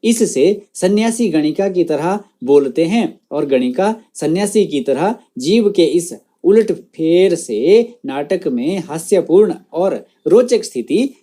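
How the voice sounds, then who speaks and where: A man's voice: high voice, animated, takes it slowly, few pauses, dark tone. A male teacher reading a school Sanskrit lesson aloud, reciting word by word so that students can repeat after him.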